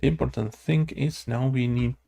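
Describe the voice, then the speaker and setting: This game developer streams while he codes, talking through his work in a hesitant mutter with lots of fillers and self-directed questions. His mid-range voice is mellow with some vocal fry, holding a steady tone at a normal speed. Typing and mouse clicks can be heard in the background.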